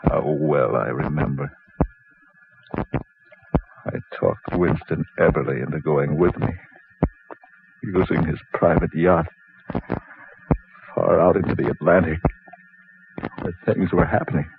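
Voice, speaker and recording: Anxious reporter, tinny AM radio drama. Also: male voice, a bass voice, fairly even intonation, measured pace, vocal fry, long pauses, heavily acted. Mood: weary, haunted. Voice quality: thin AM radio sound. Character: intense, anxious male reporter adrift at sea, insistent. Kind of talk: old-time radio drama acting. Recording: tinny, noisy old AM radio recording.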